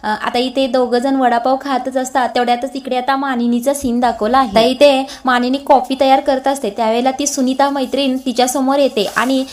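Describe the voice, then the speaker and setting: Female narrator with a high voice, recapping a soap episode scene by scene in a chatty, steady way. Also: brisk, hardly any pauses. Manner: steady storytelling, often starting lines with "now here". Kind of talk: casual retelling of a TV serial episode.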